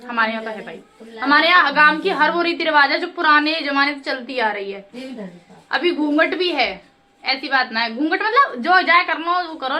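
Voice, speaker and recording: A woman's voice: high-pitched, pushed and bright. A woman vlogging casually at home and at a village temple feast, chatting straight to her viewers. She talks in a rural dialect and drops English words in here and there.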